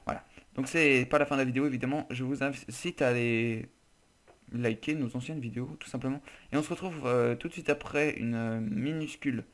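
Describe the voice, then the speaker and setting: A man's voice: medium pitch, brisk. A man hosting casual game commentary, chatty and loose, joking and swearing casually. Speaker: gaming channel host.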